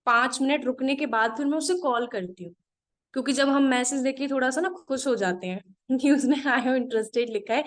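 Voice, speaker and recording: Her high-pitched voice carries through a live online class she teaches as trainer. She gives straightforward instructions, slowly repeating each point so her students have time to write it down.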